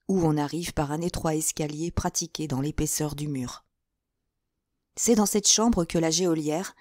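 Low-voiced woman reading an audiobook. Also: a little mellow, no room sound, clean studio sound. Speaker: audiobook narrator. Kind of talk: scripted narration of a classic novel.

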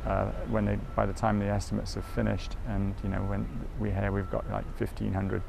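A man who works as a government environmental official, explaining in a flat, matter-of-fact way in an outdoor interview with a lapel mic. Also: on the low side, a little fast, creaky. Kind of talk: on-location news interview. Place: outdoors by a parking lot. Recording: outdoor recording with traffic noise.

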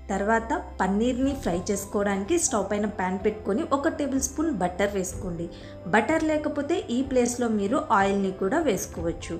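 A woman with a Telugu accent, host of a home cooking channel, narrating a recipe voice-over with steady step-by-step instructions. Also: mid-range voice.

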